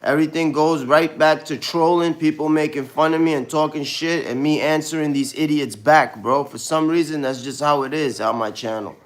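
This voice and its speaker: Brooklyn-accented man, slightly high voice. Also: normal speed, hardly any pauses. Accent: New York (Brooklyn). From born in Ukraine, raised in Brooklyn, New York. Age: 30s. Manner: loose, rambling, says "bro" constantly. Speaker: livestreamer answering chat. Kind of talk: casual live-stream chat.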